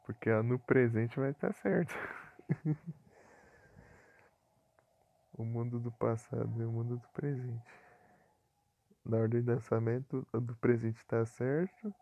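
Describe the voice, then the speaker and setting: A man chats casually on a live gaming stream. He talks slowly and rambles, circling back on fillers, in a gravelly voice. The audio is thin and phone-like. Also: medium pitch. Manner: slow, rambling, repeats fillers.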